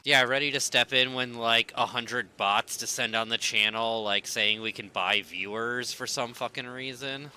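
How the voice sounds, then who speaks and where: A man's voice: mid-range voice, fairly even intonation, a little slow, hardly any pauses, pushed and bright, clear, resonant tone. A man streaming a game with casual, irreverent, sarcastic and sweary live commentary.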